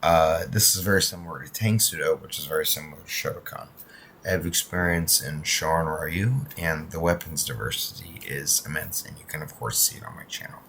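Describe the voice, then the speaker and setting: A man's voice: rumbling low, fairly quick, creaky, fairly bright tone, a little hiss or hum. A man in his thirties from the United States, talking casually to his channel's viewers, his voice a bit off from a cold, with many ums and uhs. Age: 30s. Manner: rambling, frequent ums and uhs. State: recovering from a cold, voice not clear. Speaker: martial arts channel host. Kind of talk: casual talk to camera.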